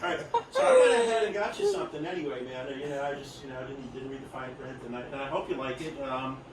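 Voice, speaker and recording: Lively middle-aged male comedian, far off. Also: medium pitch, fast, noisy background. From Greek heritage. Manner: rambling, self-deprecating, teasing the crowd. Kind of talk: stand-up comedy. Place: private party room. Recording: roomy distant party recording.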